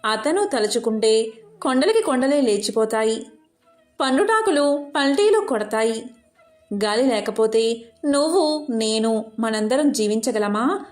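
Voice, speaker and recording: A woman's voice: a little high, animated, a little slow, long pauses, a little mellow. A woman voicing a wise, teasing male sage in a devotional story, coaxing and cautioning.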